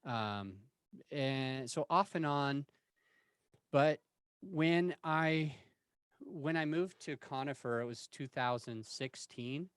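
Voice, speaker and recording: A man's voice: medium pitch, slow, clear, resonant tone, dry recording. A man of forty-one telling candid, self-deprecating stories in a casual interview, rambling and restarting his sentences. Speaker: interview guest.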